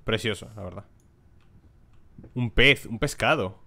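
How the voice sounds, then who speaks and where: A man's voice: on the low side, measured pace, creaky, pushed and bright. A man, giving casual let's-play commentary on a horror game, chatting to his viewers and swearing freely. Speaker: gaming YouTuber.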